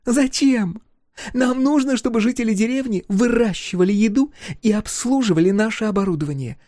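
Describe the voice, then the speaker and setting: A woman's voice: a little high, a little fast, dark tone, no room sound, clean studio sound, voice pushed up, lightly acted. A man voicing a fierce, bitter young woman scientist whose voice breaks in anger. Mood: accusing. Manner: cutting, angry, voice breaking.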